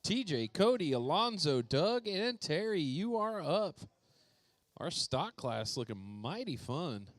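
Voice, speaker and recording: A man's voice: a little high, sing-song, takes it slowly, dry recording. A man doing playful live commentary at an indoor RC racetrack, calling out drivers by name. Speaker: RC race announcer.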